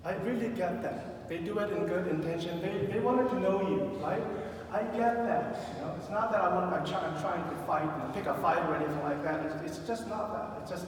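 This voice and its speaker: A man's voice: sits high, fairly quick. A middle-aged man with a Korean accent preaching a sermon in a conversational, storytelling way with wry humor and frequent fillers. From South Korea. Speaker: pastor. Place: large church sanctuary. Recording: distant, echoey church hall.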